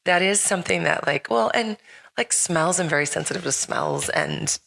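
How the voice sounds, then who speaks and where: Her voice is low and gravelly, with a lingering rasp left over from being sick. This middle-aged podcast host chats casually at a normal speed, sounding bright and forward as she meanders through fillers and false starts.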